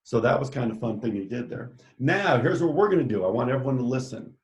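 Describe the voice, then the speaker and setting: A cheerful man of middle pitch leads a children's art class. He chats along as he works and guides the students step by step. His voice echoes in a reverberant room. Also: expressive, fast. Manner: enthusiastic, chatty, directs students step by step. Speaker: art teacher.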